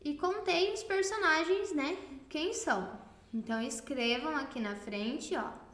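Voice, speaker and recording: A Brazilian woman teacher giving a recorded lesson to children, speaking slowly and stressing syllables clearly. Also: high voice, a bit bright, echoey room. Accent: Brazilian Portuguese.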